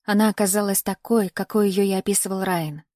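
A woman reads a mystical thriller in the first person, with a measured and even delivery. Her pitch is mid-range for a woman, and the recording is dry and close with no room sound. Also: dry recording. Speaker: audiobook narrator. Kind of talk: scripted first-person narration.

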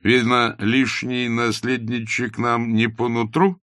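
A man's voice: mid-range voice, steady tone, takes it slowly, a bit bright, no room sound, clean studio sound, pitched above the performer's own voice. A man voicing a blunt young doctor who is curt, ironic and matter-of-fact in an audiobook. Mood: wry. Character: blunt young male doctor, mocking and self-assured.

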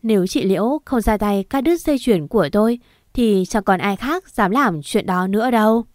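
A woman narrating a first-person story in an earnest, steady reading. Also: mid-range voice, normal speed, dry recording, studio quality.

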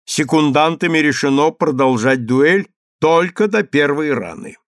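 A man voicing a calm, firm male second at a duel, speaking in a measured, commanding way. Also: on the high side, no room sound, studio quality.

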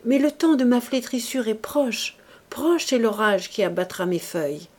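A woman's voice: a little high, animated, extremely slow, fairly bright tone, voice pushed up, heavily acted. Woman reading as an anguished young lover. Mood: mournful. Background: music.

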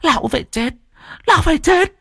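A man's voice: very high-pitched, expressive, a little fast, creaky, fairly bright tone, no echo, clean studio sound, voice pushed up, heavily acted. A man voicing a grieving village woman who screeches furious accusations in a ghost story. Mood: shrieking rage.

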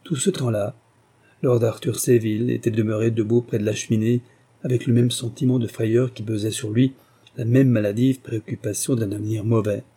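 A man narrating a classic novel as an audiobook in a measured, literary reading. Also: medium pitch, steady tone, mellow, slightly rough. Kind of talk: scripted narration.

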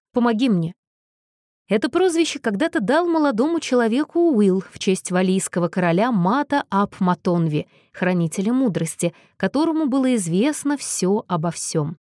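A woman narrating an audiobook in a steady, expressive way. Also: mid-range voice, no echo, studio quality.

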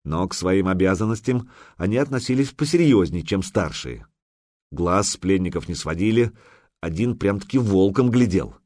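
A male audiobook narrator reads in a measured storytelling manner, with a low voice that moves up and down freely. The recording is close and dry, with no room sound. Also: lively intonation, a little mellow, dry recording. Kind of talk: scripted narration.

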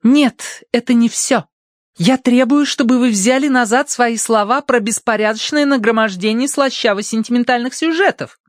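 A man's voice: normal speed, no room sound, clean studio sound. A man voicing a haughty, imperious young rich lady who scolds and commands her servant. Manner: shrill, commanding, indignant.

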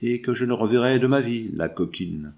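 A man's voice: medium pitch, lively intonation, moderate pace, a little mellow, lightly acted. A man reading as a sulky jilted young man. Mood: vexed. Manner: grumbling, vexed. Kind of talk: audiobook reading.

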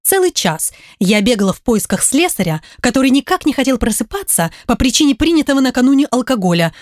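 A woman reading a first-person story aloud, lively and ironic. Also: high-pitched, fast talker, dry recording, clean studio sound. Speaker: audiobook reader. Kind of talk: scripted first-person narration.

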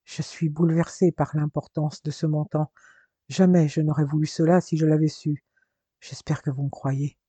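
A man's voice: on the high side, flat delivery, moderate pace, warm tone, slightly rough, no echo. A man reading aloud voices a distressed young woman who pleads formally for help. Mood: anxious.

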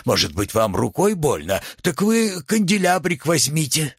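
A man's voice: on the high side, big pitch swings, unhurried, gravelly, husky, no echo, studio quality, pitched above the performer's own voice, heavily acted. A man voicing a plump, fussy male boss who talks in a bitter, wheedling, self-pitying way.

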